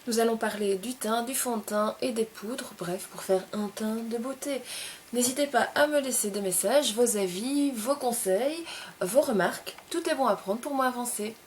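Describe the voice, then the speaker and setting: A young woman walks through her makeup routine in a gentle, explanatory way, pausing between short phrases. Her voice sits a little high. A faint hiss runs under the recording. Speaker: makeup tutorial presenter. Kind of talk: casual step-by-step makeup tutorial.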